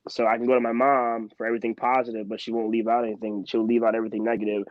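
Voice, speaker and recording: A man in his twenties from Philadelphia speaks as an interview guest, building his points with animated, emphatic energy. His voice sits in a middle range. The recording is close and dry, with a slightly muffled, dull tone. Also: mid-range voice, rapid-fire, no room sound. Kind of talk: casual interview talk.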